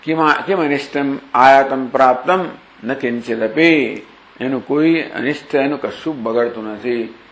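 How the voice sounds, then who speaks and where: A man's voice: medium pitch, fairly bright tone, reverberant. A man teaching scripture, who recites verses and explains them through questions and everyday examples. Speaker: spiritual teacher. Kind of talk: scriptural discourse.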